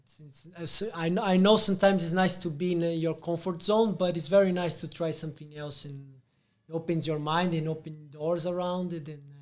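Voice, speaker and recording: A man's voice: a little high, fairly even intonation, a little fast. A Brazilian man with a Portuguese accent, hosting a casual interview and rambling through his questions with restarts. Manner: rambling, frequent restarts and fillers. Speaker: podcast host.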